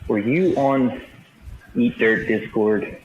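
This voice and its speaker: A man's voice: mid-range voice, slow. A man joking and teasing as a guest in a casual podcast chat. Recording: dull roomy noisy call audio.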